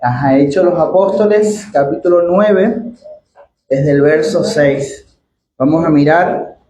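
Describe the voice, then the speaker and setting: A high-pitched man with an Argentine accent preaches in an echoey church hall. He reads scripture slowly, stretching out the quoted words, then slips into casual explanation full of restarts and rhetorical questions. A faint hiss of background noise runs under him. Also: warm tone. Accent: Argentine Spanish. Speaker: pastor. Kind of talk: sermon.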